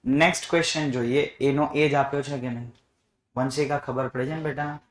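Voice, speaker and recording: A man's voice: medium pitch, fairly even intonation, fairly quick, echoey room. A man teaching math to a class, coaxing students with repeated questions. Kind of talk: classroom lesson.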